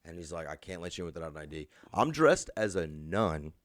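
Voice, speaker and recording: A man's voice: deep voice, very animated, brisk, dry recording, clean studio sound. A young man co-hosting a podcast, telling a rambling, profane, jokey story in casual chat. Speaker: podcast co-host.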